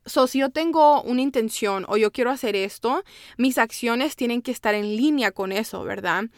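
A woman's voice: a little high, normal speed, dry recording, clean studio sound. Chatty code-switching woman podcaster. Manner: chatty, switches between Spanish and English, many "¿verdad?" tags. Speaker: podcast host. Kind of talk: casual solo podcast monologue.

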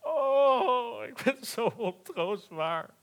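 A man's voice: sits high, lively intonation, takes it slowly, pitched above the performer's own voice. Man voicing a wailing heartbroken lion. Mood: sobbing. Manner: wailing, tearful. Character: sobbing male lion, heartbroken and gentle.

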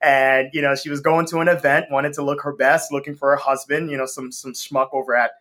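A company co-founder from the US Northeast chats enthusiastically as a guest in a casual interview, laughing often and saying um a lot. His mid-range voice is fairly bright with a flat delivery, a little fast.

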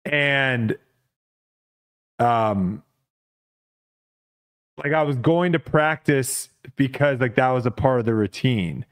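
A podcast co-host in his thirties talks in an easygoing, self-deprecating way during a casual chat. His voice is medium-pitched, and he speaks slowly with frequent pauses.

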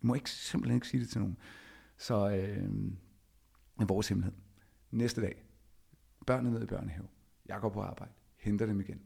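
A middle-aged man with a low, gravelly, somewhat husky voice tells a personal story. He is animated and performs the quoted lines himself, the way a podcast host talks. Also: long pauses. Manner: animated, acts out quoted dialogue.

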